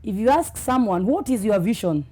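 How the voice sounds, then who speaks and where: A woman host with a Kenyan accent and a dark, mellow voice. She talks conversationally, agreeing often and echoing points as she goes. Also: medium pitch, animated, normal speed, husky. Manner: agreeable, often affirms and echoes the guest. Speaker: interview host. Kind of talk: conversational interviewing.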